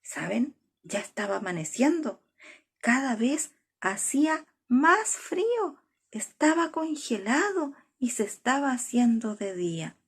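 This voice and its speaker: A woman reads a folk tale aloud to children. Her voice is husky and breathy, slightly high, and swings widely in pitch. She takes her time and slips into hushed whispers. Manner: slow and expressive, with whispered asides. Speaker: storyteller. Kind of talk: expressive storybook reading for children.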